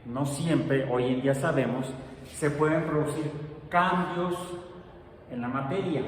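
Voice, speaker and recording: A man's voice: on the high side, recorded from a distance. Man teaching in an echoey hall. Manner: explanatory, halting with many fillers. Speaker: science teacher. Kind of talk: classroom lecture. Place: large echoey classroom. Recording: very echoey hall, faint background noise.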